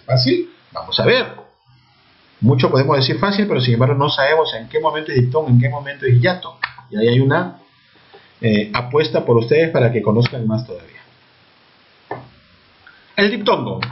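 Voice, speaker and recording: A man with a Peruvian Spanish accent teaches a class in a lively voice that rises and falls a lot. He asks questions, answers them himself and spells out letters slowly. The recording sounds dull and lo-fi. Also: fairly high pitch. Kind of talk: classroom lecture.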